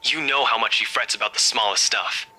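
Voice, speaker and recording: A man's voice: mid-range voice, fairly quick, bright, forceful tone, rough recording. A man voicing a breezy young friend who teases, then turns worried. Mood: concerned. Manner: breezy, teasing, turning concerned. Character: teasing young male friend on a phone call. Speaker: character dialogue in a visual novel voice dub.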